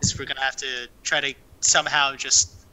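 Bright, hesitant young man player. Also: mid-range voice, level tone, moderate pace. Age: young adult. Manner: hesitant, many ums and restarts. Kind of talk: casual tabletop play.

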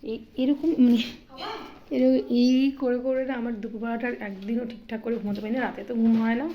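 A young mother filming her day at home on a phone, chatting along in a fairly high, soft voice. She often drops to a hushed near-whisper. A faint hiss of household noise sits behind her. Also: steady tone, fast, muffled recording. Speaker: vlogger and mother. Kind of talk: casual home vlog narration. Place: home indoors.

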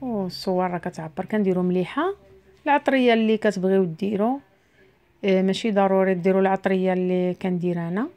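A cooking vlogger with a Moroccan Arabic accent narrates a home recipe quickly in a casual voice-over. Her middle-pitched voice stays relaxed and chatty as she explains each step while cooking.

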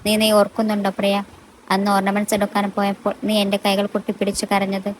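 A woman voicing a devoted young husband in a storybook, speaking earnestly and with gentle teasing. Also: mid-range voice, monotone, fast, slight background noise, close to an everyday voice, low-quality recording. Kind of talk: storybook dialogue reading.

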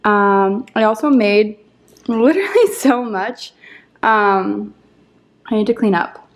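At home in her apartment, a lifestyle vlogger in her twenties speaks slowly in a medium-pitched voice. She rambles to camera in a casual, self-deprecating way, full of ums and likes.

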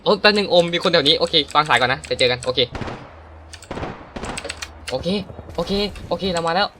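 A man's voice: a little high, animated, moderate pace, bright, forceful tone, slight background noise. A man giving casual, joking gameplay commentary to his viewers, swearing now and then. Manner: playful, joking, swears a lot, talks to viewers. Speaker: gaming streamer.

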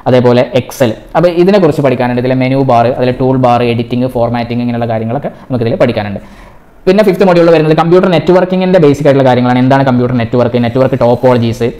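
A male teacher walks through an exam syllabus, listing topics briskly with frequent filler sounds. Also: medium pitch, warm tone. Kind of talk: syllabus walkthrough lesson.

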